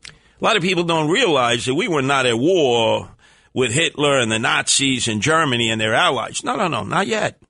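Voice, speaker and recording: A man's voice: medium pitch, very animated, moderate pace, pushed and bright, no echo, studio quality. A man with a New York accent hosting talk radio in a rambling comic monologue, theatrical, bombastic and streetwise, with colourful coined words.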